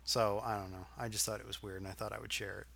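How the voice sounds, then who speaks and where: A man's voice: fairly low pitch, level tone, fast, creaky, sharp tone. A middle-aged man from Arkansas, a podcast co-host, telling a rambling, profane story in casual chat.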